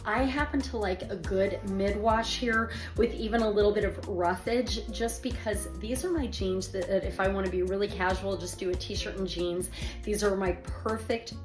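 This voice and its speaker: Hoarse and raspy from a week-long cold, a style vlogger and show host chats upbeat and friendly straight to her viewers in a casual wardrobe vlog from her home. Her pitch is mid-range and her pace moderate, with faint music playing underneath.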